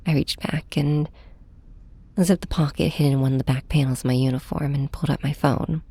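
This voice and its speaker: Speaking in a deep, steady voice that stays soft and breathy, a woman plays a heartbroken young flying superhero in an intimate first-person audio drama with an ASMR feel. Hurt and subdued, she hesitates and halts in a hushed way, alternately confiding in her nemesis and snapping at them.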